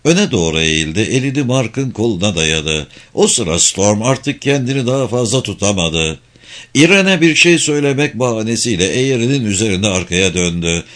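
A man reading a novel aloud as narrator, steady and expressive. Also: on the low side, moderate pace. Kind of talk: audiobook narration.

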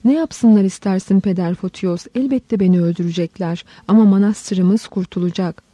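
A woman doing a booming grave old abbot. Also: normal speed, dark tone, no echo, lightly acted. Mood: solemn. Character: solemn elderly male abbot, resolute and self-sacrificing.

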